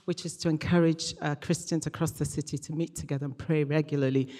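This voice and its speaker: A middle-aged woman with a deep, mellow voice speaks quickly and steadily as a guest preacher, a regional church minister. Her phrasing is conversational and hesitant with a light touch, mixing sermon and interview at a live event in a large church hall. The echoey hall gives the recording a long reverb.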